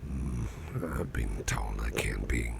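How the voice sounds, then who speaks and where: Heavily acted, this ASMR roleplay has a man portraying a sick boss in a very low, crackling, gravelly near-whisper. His words come slowly and hesitantly, tender, grateful and mildly self-deprecating, with a folksy, cosy and affectionate warmth. The recording carries noticeable background noise and gentle ambience.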